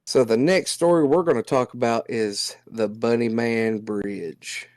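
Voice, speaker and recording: A man holds the stream with loose, profane chatter, sounding dry and close to the mic. His pitch sits in an ordinary middle range, and the talk shifts between banter with viewers and reading a legend aloud. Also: steady tone, unhurried, a little mellow, no echo. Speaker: livestream co-host. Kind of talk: casual livestream chat.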